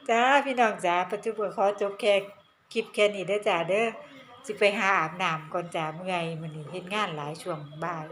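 A woman's voice: mid-range voice, slight background noise. A middle-aged woman with an Isan Thai accent, chatting in a casual vlog with lots of laughter and teasing. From Northeast Thailand. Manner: animated, laughs often, teasing. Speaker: vlogger. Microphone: handheld phone camera.

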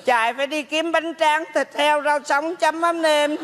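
A man voicing a scolding middle-aged mother in a stage comedy sketch, nagging her son slowly. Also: very high voice, steady tone, fairly bright tone, slight background noise. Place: theater stage.

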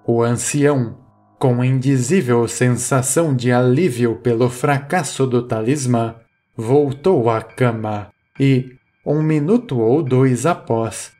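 A man reading a horror story aloud in a measured, suspenseful way, as the channel's narrator. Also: mid-range voice. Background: soft music.

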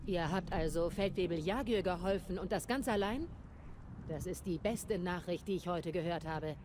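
An actress playing a battle-weary, hearty army captain in a video game, plain-spoken and soldierly. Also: female voice, fairly low pitch, normal speed, background noise, lightly acted. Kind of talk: video game character acting.

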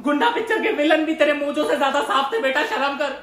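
एक महिला जो काम से परेशान माँ बनकर बेटे पर ताने मारते हुए लंबी शिकायत करती है।. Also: female voice, sits high, fast, heavy background noise, close to an everyday voice. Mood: fed-up. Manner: long complaining rant, sarcastic. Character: overworked fed-up mother ranting at her son. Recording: echoey room with music behind.

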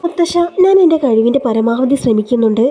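A woman's voice: on the high side, lively intonation, fast talker, dark tone, dull audio, close to an everyday voice. A woman voicing an unhappy young married man who speaks defensively and complains. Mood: frustrated.

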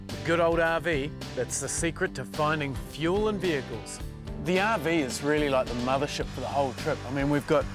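A man giving casual, wry scripted voice-over narration for a road-trip show. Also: on the high side. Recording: music bed underneath.

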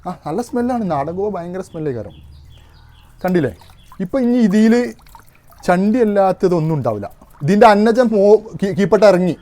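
A man talks through a hands-on demonstration in a relaxed, casual way. His voice sits high for a man. He explains one step at a time and keeps asking whether you have followed. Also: normal speed. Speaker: home arrowroot powder maker demonstrating.

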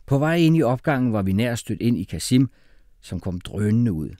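Expressive male reader, lively pitch, dry close sound. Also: dry recording. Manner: animated, expressive reading. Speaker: audiobook narrator. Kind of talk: first-person storybook narration.

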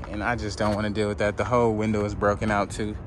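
A man's voice: lowish voice, flat delivery, quick pace. A man vlogging a casual walkaround of cars at an outdoor auction lot, filmed on a handheld phone while he walks, chatting in slang and asking viewers to comment. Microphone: handheld phone camera, filming while walking. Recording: outdoor lot with clear background noise.

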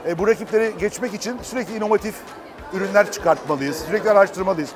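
A man's voice: high-pitched, quick pace, music in the background, a crowd in the background. A middle-aged man representing his company at a trade fair, speaking emphatically. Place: trade fair booth, indoors.

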